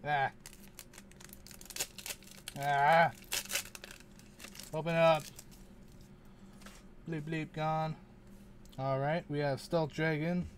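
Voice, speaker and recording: A man with a slightly high voice hosts a casual unboxing video, opening card packs for his channel. His delivery is flat, with drawn-out words and frequent pauses, as he rambles, mutters to himself, and often seems unsure how to phrase things. Slight background noise is audible.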